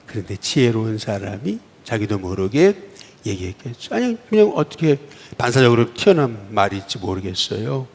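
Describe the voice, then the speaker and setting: Male pastor, gravelly and husky, swinging pitch, preaching with long church-hall reverb. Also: big pitch swings, moderate pace, a little mellow. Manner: asks the congregation questions and acts out quoted voices. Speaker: senior pastor. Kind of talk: sermon. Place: church sanctuary.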